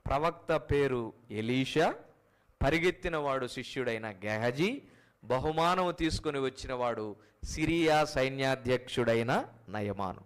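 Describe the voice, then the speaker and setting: A man preaching a sermon, firing rhetorical questions at his congregation and calling out to them directly, swinging from loud high peaks to quiet low endings. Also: clean tone. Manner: addresses listeners directly as mothers and fathers. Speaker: pastor.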